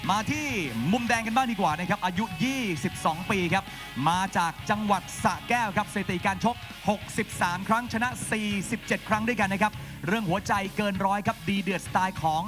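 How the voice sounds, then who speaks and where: High-pitched male fight announcer. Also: brisk, hardly any pauses. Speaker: ring announcer. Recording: loud music behind the voice. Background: loud music.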